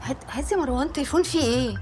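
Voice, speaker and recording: Brief: woman as panicked victim, Egyptian, very high, rapid pleading, music bed. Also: a little hiss or hum, close to an everyday voice. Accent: Egyptian Arabic. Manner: pleading, screaming, swearing innocence. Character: terrified young woman being attacked. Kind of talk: TV drama acting. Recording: loud music score over the scene.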